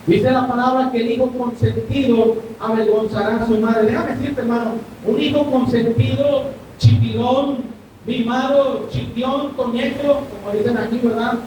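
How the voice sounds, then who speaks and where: A man's voice: steady tone, unhurried, mellow. A male pastor, preaching a sermon and often asking the congregation if they follow. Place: church hall. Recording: echoey room, distant mic, faint rumble.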